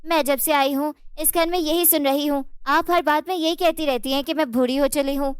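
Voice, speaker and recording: Cartoon story: bossy, spoiled young daughter-in-law, very high and shrill, dry close sound, played by a woman narrator. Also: steady tone, a little fast, no room sound, close to an everyday voice.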